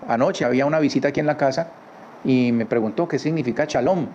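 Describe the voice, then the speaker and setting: Man, informal Bible teacher, chatty, mid-pitched, recorded slightly dull with faint noise behind. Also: fast, darkish tone. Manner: conversational, with rhetorical tag questions. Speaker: Torah teacher. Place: his home.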